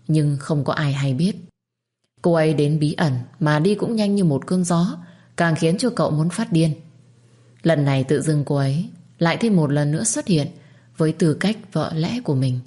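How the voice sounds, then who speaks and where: A woman narrating a dramatic story in a steady, measured reading voice. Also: low-pitched. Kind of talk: scripted narration.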